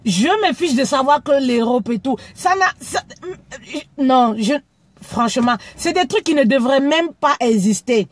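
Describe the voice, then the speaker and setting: A woman's voice: sits high, animated, measured pace, no room sound. A woman from Cameroon talking frankly in a casual live video, often stumbling and repeating words. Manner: frank, stammering repetitions. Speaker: live streamer.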